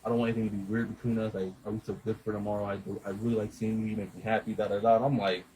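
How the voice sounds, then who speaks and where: Fast-talking low-voiced man telling a story. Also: slight background noise, rough recording. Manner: rambling, animated retelling with lots of swearing and quoted dialogue. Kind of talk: casual storytelling chat.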